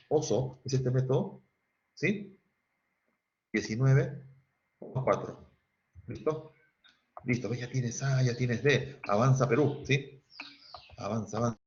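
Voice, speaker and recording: Un profesor con acento peruano que da una clase de química en línea y pregunta "¿sí?" a cada rato a sus alumnos. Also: male voice, mid-range voice, a little hiss or hum. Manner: quizzing students, asking "¿sí?" often, sings snatches. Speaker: teacher. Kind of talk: online chemistry class. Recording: dull lo-fi sound.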